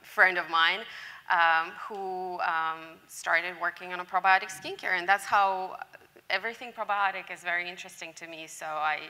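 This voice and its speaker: A woman's voice: lowish voice, fairly even intonation, moderate pace, bright, forceful tone, faint music behind. A woman, speaking as a guest on an onstage interview in a hesitant, earnest way with many fillers. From Lithuania. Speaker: guest microbiologist. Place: large conference stage. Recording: hall reverb from a stage.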